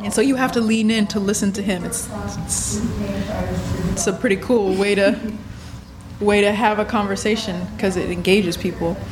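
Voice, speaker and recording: A woman's voice: medium pitch, fairly even intonation, normal speed, long pauses. A woman from Ethiopia in her forties, a musician answering interview questions in a reflective, storytelling way and laughing easily. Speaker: musician guest.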